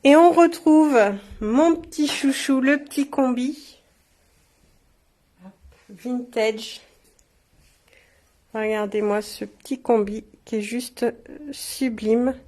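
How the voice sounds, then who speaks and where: A woman's voice: on the high side, steady tone, slow, pauses often. A woman chatting casually to viewers as she shows off engraved glasses. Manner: chatty, warm asides to viewers. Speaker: shop presenter. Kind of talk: casual product showcase.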